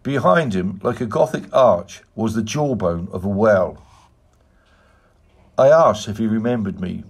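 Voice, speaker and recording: A man reading a literary novel aloud in a measured, even manner. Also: fairly low pitch, vocal fry. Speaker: audiobook reader. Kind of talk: scripted narration.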